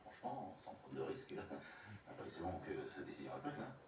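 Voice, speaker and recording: A fast-talking jovial car dealer. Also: male voice, a bass voice, sing-song, full character voice. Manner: fast, stammering, chummy. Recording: roomy, distant, noisy film audio.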